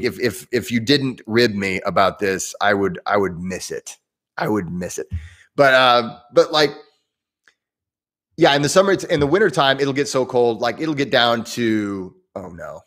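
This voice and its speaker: An unhurried, fairly bright mid-range voice carries this southern Indiana host's local accent as he chats on a casual livestream. He responds to viewer questions rambling along and often restarting what he's saying.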